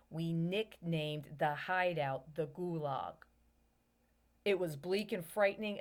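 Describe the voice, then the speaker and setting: A woman's voice: fairly low pitch, a little mellow. A woman reading passages from a book aloud and breaking off for wry, skeptical asides. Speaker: channel host.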